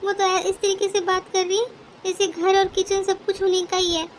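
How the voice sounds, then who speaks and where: A woman's voice: very high-pitched, flat delivery, normal speed, a little hiss or hum. A woman voicing a scheming young daughter-in-law who sweet-talks and complains in a cartoon. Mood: whining. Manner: whiny, sugary, tattling. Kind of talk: cartoon voice acting.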